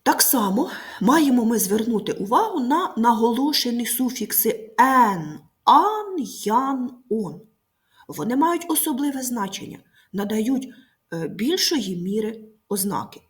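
A woman teacher giving a recorded grammar lesson to pupils, speaking clearly and slowly, stressing each word. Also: a little high, animated.

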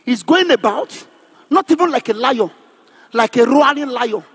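A man with a Nigerian accent preaching a loud sermon at a youth convention, often shouting and calling on the crowd to repeat after him. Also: extremely high pitch, lively intonation, unhurried, slightly rough, big-room sound. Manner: preaching loudly with frequent shouts and call-and-response. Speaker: pastor. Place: large convention hall.

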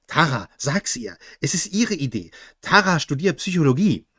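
A man reading as a shrill young party girl. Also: sing-song, moderate pace, a bit bright, slightly rough, no room sound, studio quality, heavily acted. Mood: eager. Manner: shrill and eager. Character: excitable young woman party friend.

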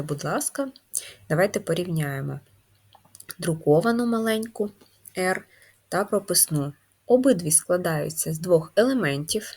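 A woman teacher leading a first-grade writing lesson, explaining each step slowly and clearly. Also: fairly low pitch, darkish tone. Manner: slow, clear, instructive dictation. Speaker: primary school teacher.

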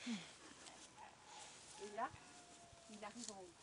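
On an outdoor storytelling walk, a woman with a mid-range voice slowly recounts a fairy tale to a live audience over a noisy background. Her delivery is lively, and she addresses the people listening directly, as storytellers do in live oral performance.

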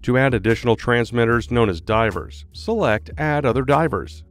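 A man reading scripted tutorial narration as a product support narrator, in a measured, clearly enunciated instructional manner. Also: medium pitch, lively intonation, a bit bright. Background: background music.

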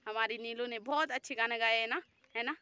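A woman's voice: on the high side, steady tone, a little fast, sharp tone, clear, resonant tone, no room sound, dull audio. A woman vlogger chatting with children outdoors, teasing and scolding them in a friendly way. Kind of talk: casual chat. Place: outdoors in a hill village.

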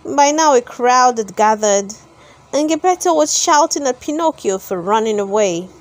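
A woman with a voice on the high side reads a children's story aloud. Her storytelling is expressive and deliberate.

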